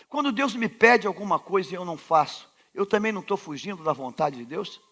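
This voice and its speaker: A male Brazilian pastor with a Rio de Janeiro accent preaches a sermon in a large church sanctuary. His voice is high-pitched, and he poses rhetorical questions and repeats refrains, swinging from quiet to loud.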